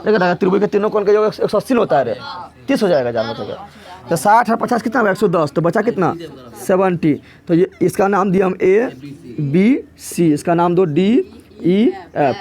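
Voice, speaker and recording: This male math tutor has a high, darkish voice and sounds very animated while speaking at normal speed to a live class. His method is call-and-response: he repeats key words three times and asks the class to say them back.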